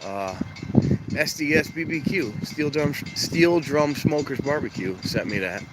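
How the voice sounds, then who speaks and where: This man's voice sits on the high side, with lively intonation and a measured pace, though his nose sounds stuffed up. He's a train-spotting vlogger live-streaming from a railroad crossing, chatting in a rambling, easygoing way. His handheld camera mic catches wind noise, loud traffic, and other outdoor sounds.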